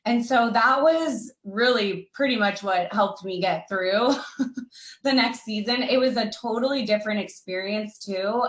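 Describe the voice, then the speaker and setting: A woman's voice: medium pitch, fairly bright tone, reverberant, low-quality recording. A woman speaking on an online recovery panel, chatty and rambling with lots of fillers. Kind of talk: casual panel conversation.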